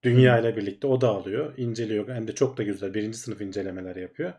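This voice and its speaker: A man co-hosting a casual podcast in a relaxed, conversational way with many fillers. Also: lowish voice, quick pace. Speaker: co-host.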